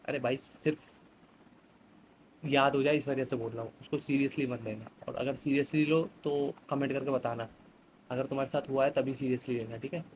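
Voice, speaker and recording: A man's voice: mid-range voice, fairly even intonation, moderate pace, a little hiss or hum, poor audio. A man teaching an exam vocabulary lesson in a chatty way, explaining with everyday examples and reading phrases. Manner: chatty, explains with everyday examples, mixes English words into Hindi.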